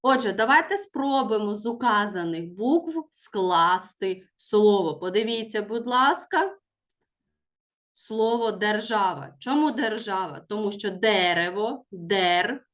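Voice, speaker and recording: Slow-paced woman teaching a lesson. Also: medium pitch, expressive. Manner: slow, deliberate, stresses words for dictation. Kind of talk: school lesson for children.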